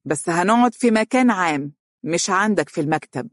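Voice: medium pitch, very fast, darkish tone, dry recording, studio quality, close to an everyday voice. A narrator voicing a scheming, haughty young woman lawyer in Egyptian Arabic for an audiobook. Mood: curt. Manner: smooth, confident, haughty.

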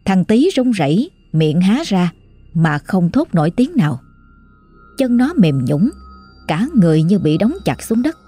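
Husky woman narrating a ghost story. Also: fairly low pitch, very animated, a little slow, warm tone, soft background music. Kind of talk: scripted horror story narration.

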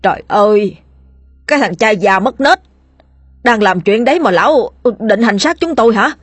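A woman's voice: medium pitch, lively intonation, normal speed, breathy edge, no echo, faint music behind. A woman voicing an indignant young villager who scolds an old man. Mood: outraged.

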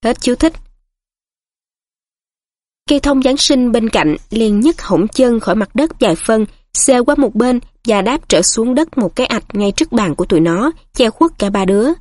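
A woman reads a storybook aloud in a steady, even narration. Her voice is fairly high, and the recording is dry and close. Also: moderate pace, dry recording. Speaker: audiobook narrator. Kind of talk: storybook reading.

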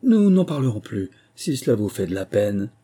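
A man's voice: lowish voice, big pitch swings, moderate pace, mellow, slightly rough. A man voicing Alice, a curious and polite young girl, in a storybook reading, with a raised, eager and pleading tone. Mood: apologetic.

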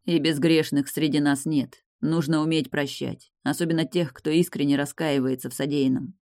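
A reader voicing a steady, loving man who speaks calmly and seriously, in an audiobook with a dry sound. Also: a little high, normal speed, no echo, close to an everyday voice. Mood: gentle. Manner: calm, serious, persuasive. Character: steady, loving man, a grieving woman's partner. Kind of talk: audiobook dialogue reading.

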